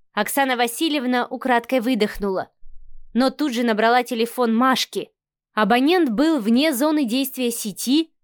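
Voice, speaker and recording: Woman reading an audiobook, kinda high voice, super dry close sound. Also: no echo. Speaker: audiobook narrator. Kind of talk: audiobook narration.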